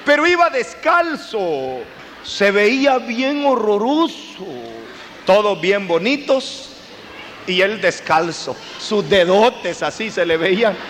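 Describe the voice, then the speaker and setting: A high-pitched man, preaching a children's sermon in an animated storytelling voice, taking his time and quizzing the listeners as he goes. His voice rings through a large hall with a long reverb and a faint hiss. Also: slow. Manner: storytelling, animated, addresses the audience with questions.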